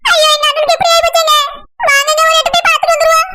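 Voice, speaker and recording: A woman voicing an anxious village wife with a southern Tamil accent who pleads with her husband in a quick, high voice. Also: little pitch movement, heavy background noise. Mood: pleading. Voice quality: pleading, fast-talking.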